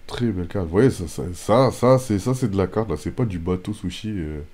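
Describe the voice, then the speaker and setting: A lower-pitched French man hosts a casual pack-opening video. He rattles off card names in a plain, steady list, then breaks into quick, excited exclamations over the rare finds. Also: slightly rough. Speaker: YouTuber opening card packs.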